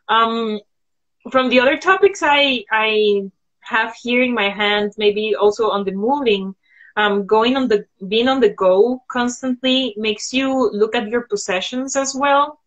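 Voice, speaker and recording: A woman guest on a video call from home, giving advice in a thoughtful, halting way with frequent fillers. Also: mid-range voice, fairly bright tone, muffled recording. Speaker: guest sharing sustainability tips. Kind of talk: casual video-call interview. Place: indoors at home.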